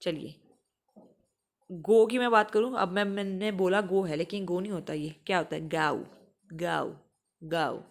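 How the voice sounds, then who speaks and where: A young woman teaching exam students, explaining and slowly repeating example words. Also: medium pitch. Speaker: English teacher for exam prep. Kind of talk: explanatory lesson.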